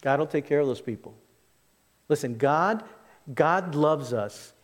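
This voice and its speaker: A man's voice: a little high, expressive, a little slow. Man preaching at a pulpit microphone, reverberant hall. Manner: conversational, emphatic repetition, rhetorical questions to listeners. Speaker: pastor preaching to a congregation. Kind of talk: sermon, expository Bible preaching. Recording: reverberant hall, long echo.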